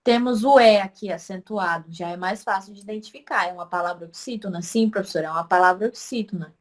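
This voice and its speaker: Female teacher for a recorded online class, mid pitch, walks through examples, punches out syllables. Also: fast talker. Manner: explains step by step, answers her own questions; stresses syllables loudly to demonstrate. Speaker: Portuguese language teacher.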